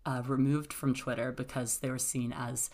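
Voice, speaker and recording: A woman's voice: very deep voice, little pitch movement, normal speed, a little mellow. A woman in casual debate, laying out events step by step with frequent "uh" and "um.". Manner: explanatory, methodical, many "uh" and "um" fillers.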